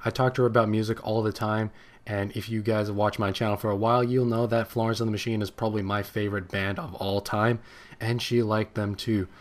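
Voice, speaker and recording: A young man in his late teens, a gaming channel host, telling a long personal story over gameplay in a rambling, excitable way. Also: fairly low pitch, fairly quick.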